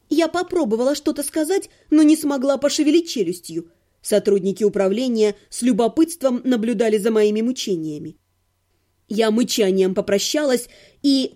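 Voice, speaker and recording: A woman's voice: sits high, warm tone. A woman reading a humorous fantasy audiobook in the first person, with a wry, ironic manner. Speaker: audiobook narrator.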